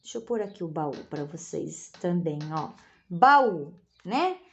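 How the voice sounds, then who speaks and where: Brazilian woman teacher for a kids' lesson; animated and unhurried, keeps checking the class understands. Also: on the low side, creaky. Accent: Brazilian Portuguese. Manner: patient, explaining slowly with repeated checks like "né?" and "tá?"; spells out syllables one by one. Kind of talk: recorded classroom lesson for children.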